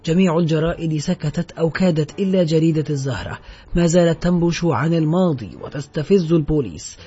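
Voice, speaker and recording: A man's voice: fairly high pitch, fast talker, slightly rough. A man reading as a bitter, scornful man on the run. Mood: angry. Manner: mocking, self-assured. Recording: dull audio with soft background music.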